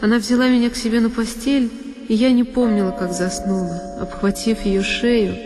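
A woman's voice: a little high, fairly even intonation, normal speed. A woman performing a dramatic reading of a classic novel as narrator, in an intense, emotional storytelling manner. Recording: violin music underneath.

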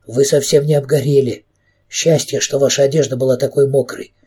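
A man's voice: mid-range voice, steady tone, a little fast, mellow, slightly rough. A man voicing a pale, determined young boy who speaks firmly and sensibly. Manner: earnest, sensible, firm.

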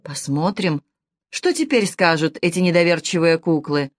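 Bluff, impulsive male knight, exclamatory, low and dry, voiced by a woman reader. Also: animated, moderate pace, dry recording. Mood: indignant. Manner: exclamatory, indignant.

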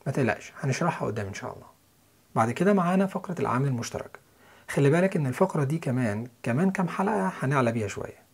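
A man's voice: mid-range voice, expressive, very fast, creaky, husky. A man with an Egyptian Arabic accent, explaining English pronunciation step by step as a listening-course teacher.

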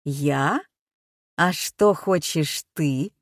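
A woman reading an audiobook, voicing a menacing male kidnapper who speaks through a mechanical voice-changer, slow, loud and mocking. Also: low-pitched, dry recording, clean studio sound, pitched below the performer's own voice, exaggerated voice. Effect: mechanical, metallic voice-changer over the phone.

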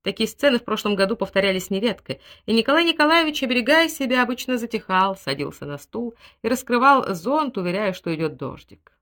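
A woman reading a novel aloud as audiobook narrator, with expressive, dramatic delivery. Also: a little high, fairly quick, hardly any pauses. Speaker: audiobook reader. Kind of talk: scripted literary narration.

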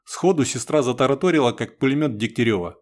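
A man's voice: mid-range voice, expressive, quick pace. A man reading a first-person war novel aloud as an audiobook narrator, in a wry, conversational way. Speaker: audiobook reader.

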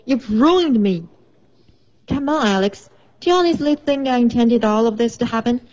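Female student reader, fairly high voice, calm and reserved, dull lo-fi sound. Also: moderate pace. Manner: calm, restrained reading.

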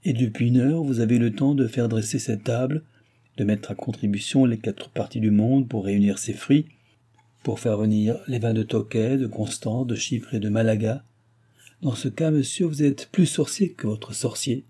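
A man's voice: mid-range voice, moderate pace, mellow, slightly rough, natural voice. A man voicing a proud, teasing young royal princess in a lilting, raised court voice, read as an audiobook figure.

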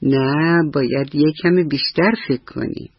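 Woman voicing a gentle mother squirrel. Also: sits low, breathy edge, dry recording, muffled recording. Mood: tender. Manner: tender, coaxing.

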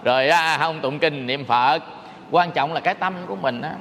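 A man's voice: on the high side, normal speed, fairly bright tone. A man, a Buddhist monk giving a folksy sermon and quizzing his listeners with rhetorical questions. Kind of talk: dharma talk sermon. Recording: reverberant hall with faint noise.

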